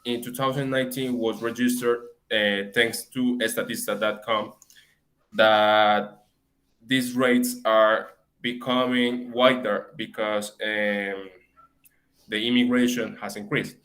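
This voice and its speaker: A young man giving a class presentation, pausing often with fillers as he reads. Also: on the low side, level tone, a bit bright, low-quality recording. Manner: hesitant, frequent fillers. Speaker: student presenter.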